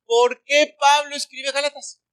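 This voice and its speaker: A man's voice: extremely high pitch, little pitch movement, measured pace, fairly bright tone. A man with a Mexican accent, a pastor preaching a sermon and firing rhetorical questions at his congregation.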